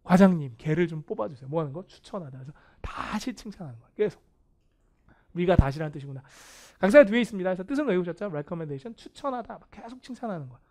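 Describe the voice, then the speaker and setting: A man teaching English vocabulary in a video lecture, animated and playfully self-mocking. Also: high voice, quick pace. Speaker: English test instructor.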